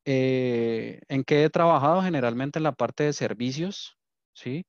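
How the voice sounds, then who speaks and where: A man from Cali with a Colombian accent presents a technical webinar as an engineer and trainer, speaking in a smooth, mid-range voice at a measured pace. He explains things and frequently checks in with "¿sí?", and the dry recording has dull, lo-fi online-meeting quality.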